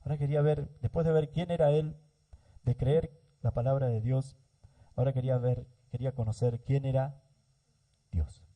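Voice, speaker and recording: A man preaching a sermon as pastor, explaining slowly with pauses and restarts, often addressing his listeners as brothers and adding amens. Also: mid-range voice, fairly even intonation, mellow.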